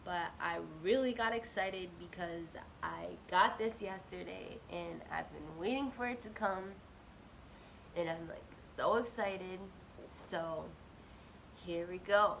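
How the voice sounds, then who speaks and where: Slow-paced, gushing woman with a cold. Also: on the low side, creaky, fairly bright tone, a little hiss or hum, rough recording. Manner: gushing, bubbly, drawn-out words. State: slightly sick, with a cold. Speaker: unboxing vlogger. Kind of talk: casual excited unboxing chat.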